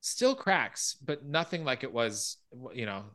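A man's voice: medium pitch, big pitch swings, a little slow, sharp tone. A man hosting a podcast, casually retelling a film scene by scene and acting out quoted lines. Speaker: podcast host.

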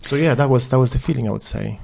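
A man's voice: mid-range voice, quick pace, gravelly, a little mellow. A man from Poland speaking English, answering interview questions in a thoughtful, wry, self-deprecating way. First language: Polish. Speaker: photographer guest.

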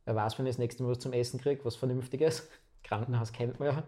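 A guest in his twenties with an Austrian accent tells his own story in a casual, chatty interview, relaxed and anecdotal. He talks fast at a medium pitch.

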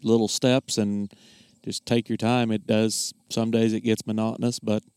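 A man giving a casual technical explanation as a craftsman, plainspoken and folksy, often halting and repeating words. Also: fairly low pitch, flat delivery, a little mellow, clean tone, dry recording, studio quality. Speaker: gunsmith explaining his craft.

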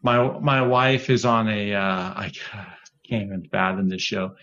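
A man's voice: on the low side, measured pace, fairly bright tone. A man in a casual podcast roundtable, easygoing and rambling. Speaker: podcast co-host. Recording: slightly dull lo-fi audio.

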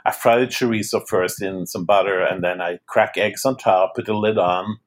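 A man's voice: low voice, fairly even intonation, normal speed. A man from Norway, a podcast guest, chatting casually and laughing easily. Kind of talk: casual interview chat.

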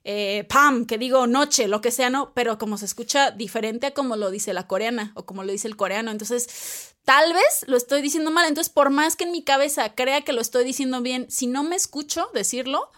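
High-voiced, chatty Mexican woman. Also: fairly quick, a bit bright. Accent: Mexican Spanish. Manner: chatty, lots of fillers and playful asides. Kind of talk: casual chat.

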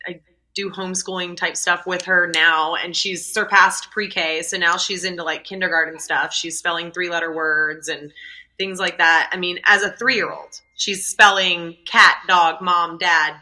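A woman's voice: on the low side, steady tone, measured pace, pushed and bright, rough recording. A young woman who is a doula, a guest on an interview podcast, chatting and telling stories with lots of "um" and "like". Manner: chatty, lots of fillers, storytelling. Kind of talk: casual conversational interview.

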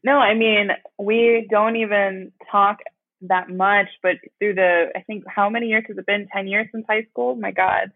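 A woman in her mid-twenties chats and praises her guest in an easy, affirming way. Her voice is a little breathy and comes through a thin, tinny phone line. The sound is dry. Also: mid-range voice, fairly even intonation, measured pace, no room sound. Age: 20s. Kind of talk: casual chat.

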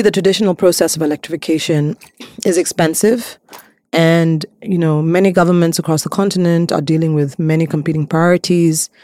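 A woman's voice: deep voice, a little mellow, dry recording. Malawian woman answering questions, lots of ums, dry close mic. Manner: thoughtful, with frequent ums and restarts. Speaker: clean energy innovator, guest speaker. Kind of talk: interview answers to prompts.

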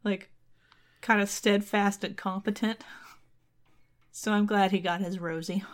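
A woman's voice: mid-range voice, steady tone, measured pace. Chatty woman reading a folktale aloud. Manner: laughs often, chatty asides. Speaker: podcast co-host reading folktales. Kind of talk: casual read-aloud with commentary.

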